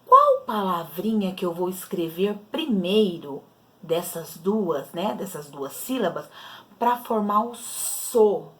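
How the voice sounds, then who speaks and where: A woman's voice: medium pitch, big pitch swings, pushed and bright. A woman teacher with a Brazilian Portuguese accent, patiently walking young children through a literacy lesson step by step. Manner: slow, patient, explains syllables step by step to children.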